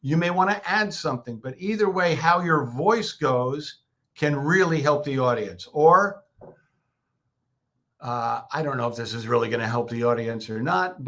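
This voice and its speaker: A man's voice: medium pitch, fairly bright tone. A man hosting a public speaking session, teaching in a loose, conversational way full of restarts and fillers. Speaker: co-host of a speaking workshop. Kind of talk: casual instructional talk.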